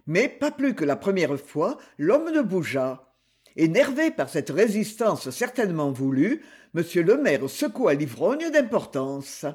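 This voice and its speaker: Husky male audiobook narrator, expressive delivery. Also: sits high, unhurried. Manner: expressive storytelling. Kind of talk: scripted narration.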